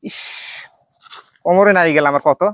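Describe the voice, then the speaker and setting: A man's voice: a little high, normal speed, fairly bright tone, no room sound, studio quality, natural voice. A man doing a grumbling old grandfather. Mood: complaining. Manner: plaintive rural grumbling. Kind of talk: comedy skit acting.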